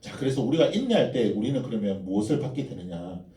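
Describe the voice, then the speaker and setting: A man's voice: medium pitch, sing-song, fast, mellow. Man, sermon, storytelling, far from the mic, echoey church hall. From Gyeongsang, South Korea. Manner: storytelling, addressing the congregation. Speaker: preacher.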